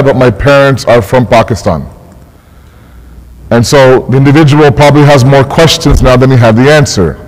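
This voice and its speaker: A man's voice: medium pitch, darkish tone, poor audio. Conversational man giving a mosque lecture. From Canada. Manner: conversational, repeats words while searching for phrasing. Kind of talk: religious lecture to a congregation. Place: mosque hall.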